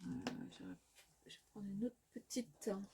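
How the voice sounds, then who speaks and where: A woman's voice: medium pitch, huge pitch swings, moderate pace, dark tone, a little hiss or hum. A woman hosting a crafting tutorial, talking casually and hesitantly with many filler sounds and self-corrections as she works. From France. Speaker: crafting video host.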